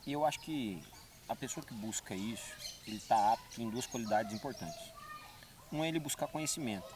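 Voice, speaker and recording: A man's voice: mid-range voice, fairly quick. A man hosting a podcast, talking in a reflective, casual way and asking guiding questions. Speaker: podcast host. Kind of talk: casual chat.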